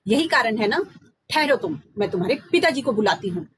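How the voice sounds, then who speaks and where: A loving storybook mother speaks in a lively, high voice, as a woman storyteller puts her on. She can fuss gently or scold firmly. The role is read for children. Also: unhurried, far from the mic. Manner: soothing, then scolding sharply. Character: loving but fed-up mother.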